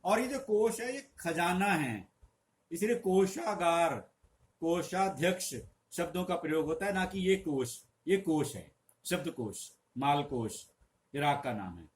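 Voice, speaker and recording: A middle-aged man teaching a lesson, patiently explaining and slowly drawing out example sounds for emphasis. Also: fairly high pitch, animated, slight background noise. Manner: patient, instructive. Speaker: Hindi teacher.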